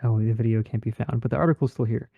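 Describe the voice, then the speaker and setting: A man's voice: mid-range voice, steady tone, fast, gravelly, no echo. A man co-hosting a casual podcast chat, making dry jokes and reading an article aloud. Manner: dry jokes, reads articles in a mock news voice. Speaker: podcast co-host. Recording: dry, dull lo-fi podcast mic.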